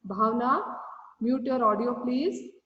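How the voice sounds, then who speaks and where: A woman teacher with an Indian English accent, explaining a math lesson over a video call, slow and repetitive. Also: fairly high pitch. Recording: roomy, distant, dull call audio with faint noise.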